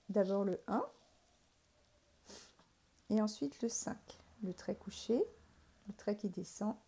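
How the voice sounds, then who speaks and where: Woman teacher, slow and clear, spelling out sounds for young kids, mellow tone. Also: medium pitch. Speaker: primary school teacher. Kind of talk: remote lesson for young pupils. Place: classroom in front of a board.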